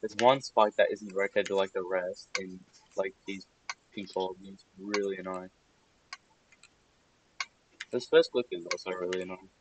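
A man with a fairly low voice comments on his game stream in a loose, grumbling way, often mocking his own mistakes. Mouse clicks and steady noise sit clearly under his voice on the recording. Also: unhurried, pauses often. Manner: frustrated, self-mocking, muttering asides while playing. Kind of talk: casual gaming livestream commentary.

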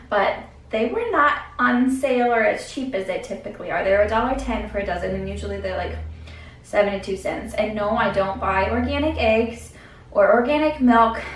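A young woman talks through her groceries in a relaxed, chatty way, thinking aloud with little fillers. Her voice sits at an ordinary middle pitch and reaches the camera from a few steps away. The home kitchen adds a noticeable echo and a faint hum of room sound. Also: recorded from a distance. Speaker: vlogger. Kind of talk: casual grocery haul walkthrough. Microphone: camera at a distance. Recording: echoey kitchen, voice from off the mic.

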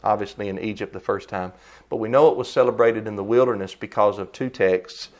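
Man, lowish voice, preacher, sermon, emphatic rises in pitch and volume. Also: brisk, darkish tone.

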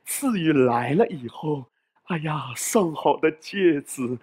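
A man pastor preaching a sermon in a lively, conversational way, acting out little voices and asides along the way. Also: on the high side, slow, breathy edge.

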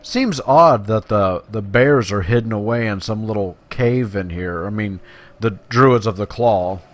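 A video game player and commentator talks in a lowish voice, a little slowly, offering casual, playful commentary full of chat and slang. Now and then he reads quest text aloud.

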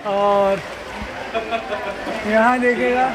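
A woman's voice: a little high, steady tone. A woman narrating a walking travel vlog from a rocky gorge, chatting to viewers and calling them guys. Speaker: vlogger. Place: outdoors in a rocky gorge with flowing water. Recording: loud rushing water noise behind.

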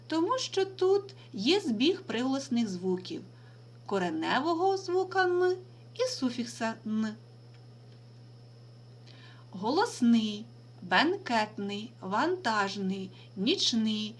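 Lively-voiced woman teacher, deliberate. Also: a little high, slight background noise. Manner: slow, deliberate dictation with stressed words. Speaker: language teacher. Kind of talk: recorded remote lesson.

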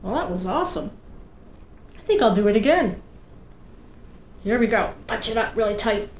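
Seated in an armchair in a small, echoey indoor room, a middle-aged Canadian children's librarian with a Newfoundland accent leads a storytime from home, caught by a fixed camera a few feet away. Her fairly high voice is very animated at a normal pace, cheerful, sing-song and encouraging.

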